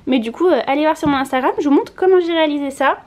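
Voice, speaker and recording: A woman with a high voice chats through a home craft project for her vlog. She talks in a relaxed, easygoing way, stopping often to find her words. It sounds like a small camera mic at home. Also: rapid-fire. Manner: chatty, relaxed, full of small hesitations. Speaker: lifestyle vlogger. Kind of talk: casual DIY vlog chat. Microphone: compact camera mic.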